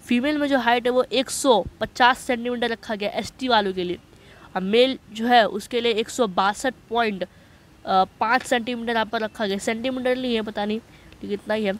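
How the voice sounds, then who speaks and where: A man walking viewers through a job notice in a voice-over on a screen recording. He talks in a chatty way, keeps checking that listeners follow, and reads English passages slowly. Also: very high-pitched, steady tone. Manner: chatty, repeats "okay" to check understanding. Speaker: online job-notice explainer.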